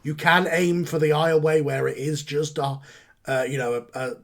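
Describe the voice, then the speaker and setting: A man running a tabletop wrestling game as game master, thinking aloud in halting, relaxed phrases. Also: on the high side, creaky.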